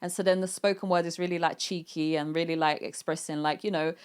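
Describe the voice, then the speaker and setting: Woman, 30s, singer-songwriter; casual reflective chat, animated when quoting. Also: sits low, quick pace, smooth. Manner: chatty, reflective, often acting out quoted lines in a raised voice. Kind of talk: casual talk about writing a song.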